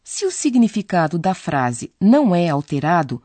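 Warm-toned female co-presenter, lively. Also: lowish voice, normal speed, dry recording. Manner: inquisitive, conversational. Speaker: co-presenter asking questions. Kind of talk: scripted radio lesson.

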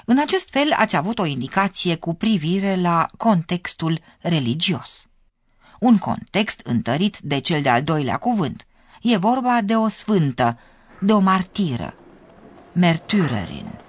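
A narrator giving scripted, measured explanations in a radio language course. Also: mid-range voice, big pitch swings, no echo.

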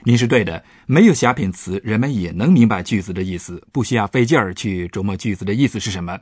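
A man speaking as a professor in a radio language lesson, explaining points patiently and clearly. His voice sits fairly low but moves with lively intonation. The recording is close and dry. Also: quick pace, no echo.

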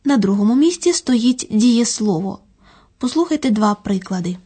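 A woman giving a scripted, measured grammar lecture. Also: a little high, lively intonation, warm tone, breathy edge. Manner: measured, didactic. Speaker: language lecturer.

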